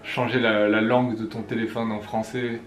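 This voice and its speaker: This young French vlogger has a lowish voice and a flat delivery at normal speed. He switches between French and Chinese while casually answering questions from viewers, staying jokey and laughing at himself, with room echo and quiet background music audible.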